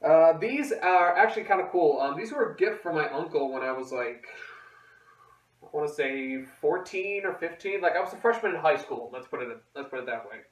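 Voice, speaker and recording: Young guy rambling casually for his vlog, kinda high voice, really echoey room, mic sounds far off. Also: animated, moderate pace. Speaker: host of a music collection video series. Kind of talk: casual vlog chat to camera.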